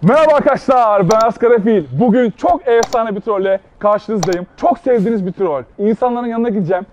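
A young man with a notably high voice rattles along at a rapid clip. He hosts a street prank video and talks in a cheeky, teasing way, dodging questions with a grin. He is recorded outdoors in a public spot. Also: darkish tone, highs cut off, slight background noise. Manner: cheeky, teasing, playfully evasive. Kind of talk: street prank, casual chat.

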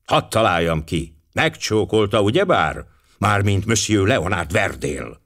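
A man's voice: fairly low pitch, sing-song, a bit bright. Poirot, man doing a fussy detective. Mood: commanding. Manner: precise, sprinkles French phrases. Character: fussy, commanding older male detective.

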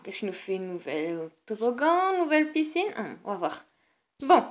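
A grumbling father speaks low and slow in a toy-film voice, as a woman puts him on. The voice is pushed down deep and kept quiet. He mutters to himself as he goes. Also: big pitch swings.

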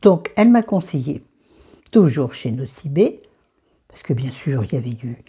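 Husky low-voiced French woman vlogging. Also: very animated, normal speed, warm tone. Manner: talks to herself, self-scolding asides; drops to whispered asides. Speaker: beauty vlogger. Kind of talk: chatty makeup haul vlog.

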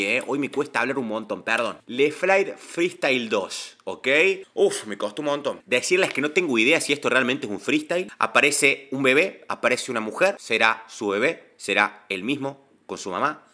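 A man's voice: mid-range voice, sharp tone. A man with a Rioplatense Spanish accent hosting a reaction video, chatty, slangy and enthusiastic. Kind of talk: casual reaction commentary.

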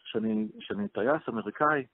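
A man, a rabbi and radio guest, telling a story from his past in an interview, halting with fillers as he goes. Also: on the low side. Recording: phone-line radio call, dry.

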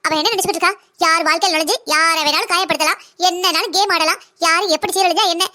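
A woman as a blunt young daughter-in-law: very high, bright, rapid-fire cartoon voice, lecturing and defiant. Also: steady tone. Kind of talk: cartoon drama voice acting.

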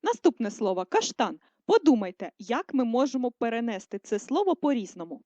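A female primary school teacher giving a recorded writing lesson, dictating words slowly and clearly for first graders. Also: on the high side, big pitch swings, warm tone, dry recording. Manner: slow, clear dictation, syllable by syllable. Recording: dry, dull lo-fi voice recording.

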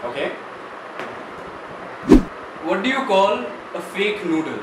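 A man's voice: sits high, sing-song, slow pace. A young man with an Indian accent bantering and delivering jokes casually. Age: young adult. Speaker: contestant in a dad-joke challenge. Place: small indoor room, across a table. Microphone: distant camera mic. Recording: roomy, distant, loud background noise.

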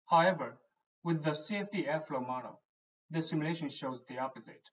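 A man, a research engineer, giving a scripted, measured technical explanation as a voice-over for presentation slides. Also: a little high. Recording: distant, dull lo-fi voice-over.

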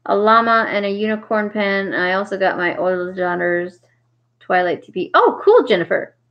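A woman's voice: mid-range voice, little pitch movement, moderate pace, lo-fi sound. A woman hosting a casual crafting livestream, chatting with viewers and reading their comments aloud with frequent laughs.

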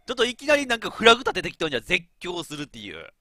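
A game streamer with a high voice delivers rapid-fire let's-play commentary in a dry, studio-quality recording. Animated and chatty, he laughs often and talks to himself.

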